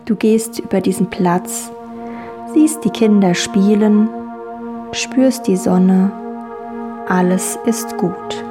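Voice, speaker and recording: A woman leads children through a guided dream journey in a calm, soothing voice. She speaks very slowly and repeats her phrases gently. Soft music plays clearly beneath her words. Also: medium pitch. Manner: slow, calm, soothing and repetitive.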